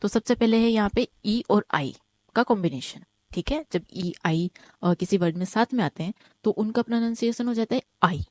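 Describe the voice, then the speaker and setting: A woman with a mid-pitched voice teaches an online German lesson, recorded dry and close with no room echo. She works through the material step by step and keeps checking with "ठीक है?". Each example word gets said slowly, twice. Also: a little mellow. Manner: explains step by step, often asks "ठीक है?".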